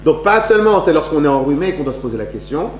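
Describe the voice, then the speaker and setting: In an echoey lecture hall with a faint hum, a male lecturer gives a religious talk to an audience. His fairly high voice is sing-song and quick, and he tells stories full of restarts and rhetorical questions.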